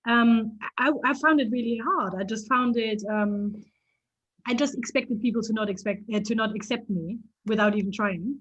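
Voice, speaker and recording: A woman from East Germany, a photographer, telling stories in a casual interview with lively restarts and laughter. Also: a little high, normal speed, dull audio. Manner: animated storytelling, frequent restarts and laughs.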